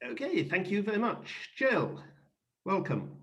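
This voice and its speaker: Male host, middle-aged or older, moderately high voice, deliberate formal delivery for introducing speakers. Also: big pitch swings, a bit bright. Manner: courteous, deliberate.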